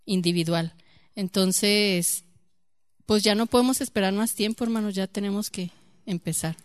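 A woman's voice: medium pitch, normal speed, clear, resonant tone, no echo, clean studio sound. A woman leading a church teaching, telling a story and firing rhetorical questions at her listeners. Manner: animated, rhetorical questions to the congregation. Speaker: Bible study leader.

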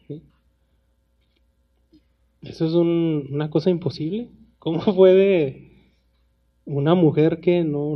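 Male preacher. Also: a little high. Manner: conversational, asks the listeners rhetorical questions. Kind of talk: sermon. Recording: dull lo-fi sound.

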